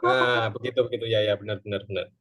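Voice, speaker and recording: A man's voice: on the low side, steady tone, fast talker, a bit bright. A young man tutoring an online class, explaining grammar patiently step by step and checking in with short tag questions. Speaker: Japanese tutor. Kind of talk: online Japanese lesson explained in Indonesian.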